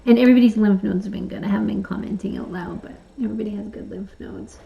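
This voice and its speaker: A woman's voice: medium pitch, fairly even intonation, quick pace, gravelly. A woman veterinarian with a Canadian accent, chatting playfully and explaining exam findings in plain clinical terms. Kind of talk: casual chat during exam. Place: animal rescue room. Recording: slightly dull with faint noise.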